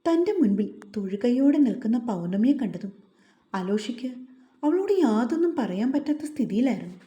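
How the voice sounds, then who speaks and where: A woman reading a romance novel aloud in a calm, unhurried, soft voice. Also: a little high. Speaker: storyteller. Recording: echoey, slightly muffled home recording.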